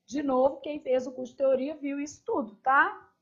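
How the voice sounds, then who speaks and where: A woman's voice: high voice, fairly even intonation, moderate pace, fairly bright tone, lo-fi sound. A woman teacher going through exam questions step by step, often checking in with short tag questions. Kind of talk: recorded exam review lesson.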